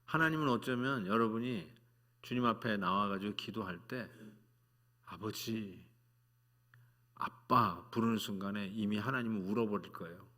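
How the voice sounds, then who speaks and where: A male pastor preaching at a midweek prayer service, telling stories in a conversational way and moving between hushed, soft passages and loud, fervent prayer. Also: fairly low pitch, brisk.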